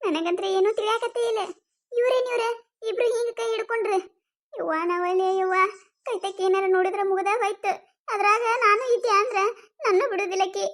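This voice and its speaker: Nervous cartoon village woman, woman voicing, very high squeaky voice, North Karnataka accent, fretful. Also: fairly even intonation, brisk. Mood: scared. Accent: North Karnataka Kannada. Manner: fretful, repeats worried phrases. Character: timid gossipy village woman, always fearful.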